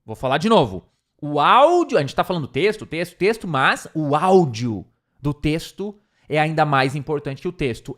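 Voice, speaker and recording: A man's voice: sits high, fairly bright tone. Emphatic man teaching English. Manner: emphatic, repeats key points, asks "tá?" to check in. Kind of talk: online language lesson.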